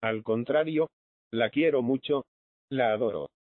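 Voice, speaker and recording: A man's voice: medium pitch, unhurried, dry recording, natural voice. Brief: male reader as a distraught poor orphan girl for an audiobook, lo-fi. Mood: pleading. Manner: pleading, distraught. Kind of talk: audiobook reading. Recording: thin phone-like lo-fi sound.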